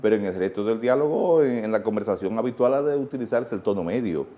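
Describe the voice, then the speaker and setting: A man's voice: fairly low pitch, animated, fast talker, muffled recording. A Dominican man, a speaking teacher, explaining in a TV interview with a didactic manner and many rhetorical questions.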